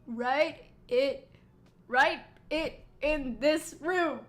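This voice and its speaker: A woman's voice: high-pitched, extremely slow, fairly bright tone, heavily acted. A woman putting on a theatrical voice for a cryptic masked man in a game story. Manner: put-on, theatrical, emphatic.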